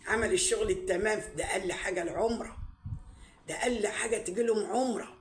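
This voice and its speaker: An indignant Egyptian woman scolds her targets in a ranting commentary and piles up rhetorical questions. Her mid-pitched voice rings around a roomy, echoing space. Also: slight background noise. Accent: Egyptian Arabic. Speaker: YouTube commentator.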